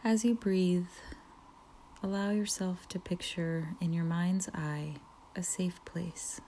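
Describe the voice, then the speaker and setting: Slow soft-spoken woman guiding meditation. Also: fairly low pitch, steady tone, slight background noise. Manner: slow, soft, partly whispered, soothing pauses. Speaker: meditation guide. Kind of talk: guided relaxation meditation.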